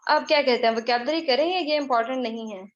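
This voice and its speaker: A young woman with a high, bright voice runs a live online spoken-English class and teases and scolds her students in a brisk way. She slips English phrases into her speech. The sound is dull and lo-fi, as if from a computer mic on a video call. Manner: teasing, brisk and scolding, mixing English phrases into Hindi-Urdu.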